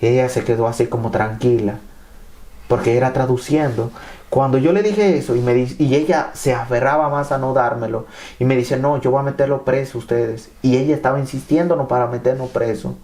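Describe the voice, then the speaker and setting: A man from Mexico who speaks Spanish as his first language, telling his immigration story in an animated testimony, often repeating and restarting his phrases. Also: mid-range voice, a little fast. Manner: repeats and restarts phrases, acts out quoted dialogue.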